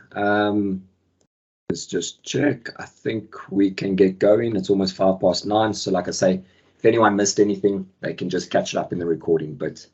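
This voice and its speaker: He's a product manager running a casual software webinar on a video call, his deep, husky voice croaky from flu. The delivery is relaxed and loaded with ums and friendly filler words, and the call audio comes through muffled.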